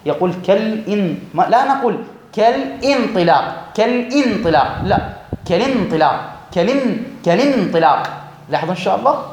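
A man teaching a grammar lesson to a class, repeating words slowly and often checking that his students follow. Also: high-pitched. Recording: echoey room, faint noise.

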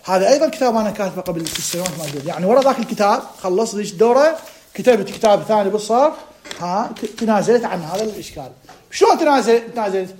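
A man with an Iraqi Arabic accent teaching a grammar class, quizzing his students with quick rhetorical questions and drawing out key words for emphasis. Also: high-pitched, animated, a little mellow, slight background noise. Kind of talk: classroom lecture.

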